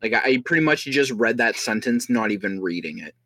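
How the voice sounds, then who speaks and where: A man's voice: medium pitch, animated, a little fast, fairly bright tone, no echo. A young man co-hosting a podcast, reading a fan story aloud with crude jokes and laughter. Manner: joking, laughing, crude banter. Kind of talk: casual comedic story reading.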